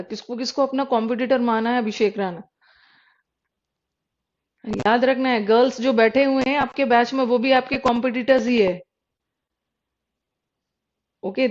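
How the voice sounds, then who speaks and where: High-pitched lady teacher sounding out english words letter by letter, muffled lo-fi audio. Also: a little mellow. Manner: explains pronunciation by sounding out letters, switches between Hindi and English. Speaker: English teacher for exam prep. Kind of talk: classroom lecture. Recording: dull lo-fi recording.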